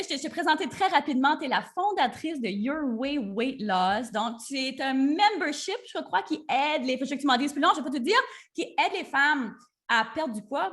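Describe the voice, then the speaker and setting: High-voiced enthusiastic podcast host woman. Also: a bit bright. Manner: enthusiastic, chatty, mixes in English words. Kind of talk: casual interview chat.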